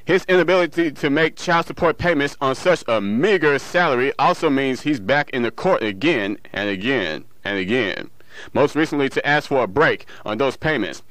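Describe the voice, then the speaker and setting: Reading local news, sports and weather in a radio studio, this newsreader and music DJ uses a local broadcast style and now and then slips and corrects himself. He has a mid-range, slightly bright voice with lively intonation at normal speed. The recording is dry and rough.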